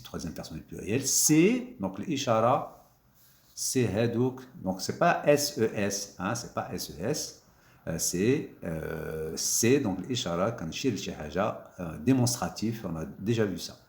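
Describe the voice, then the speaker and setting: A man with a lowish, darkish voice teaches French grammar, explaining examples and repeating key words with emphatic rises. He switches between French and Moroccan Arabic glosses, and the sound is roomy.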